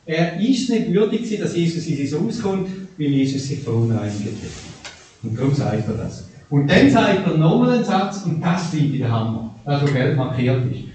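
Preacher in an echoey hall. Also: male voice, on the high side, normal speed, slight background noise. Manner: animated, shifting between soft and raised. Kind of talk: sermon. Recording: echoey hall, distant mic.

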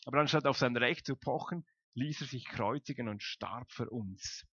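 A man, preaching a sermon directly and lively to his congregation. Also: medium pitch, moderate pace, slightly rough, dry recording. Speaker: pastor. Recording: dull, dry lo-fi sound.

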